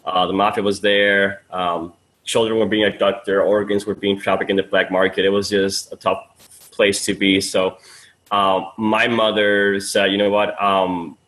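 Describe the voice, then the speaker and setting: A man from Peru, somewhere in his thirties, with a fairly low voice. He talks freely and casually as a podcast guest. He drops in "man" and "dude" and restarts his sentences often. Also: level tone, measured pace, a bit bright, low-quality recording. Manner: talkative, loose and friendly, says "man" and "dude", many fillers and restarts. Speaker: guest, sales funnel coach.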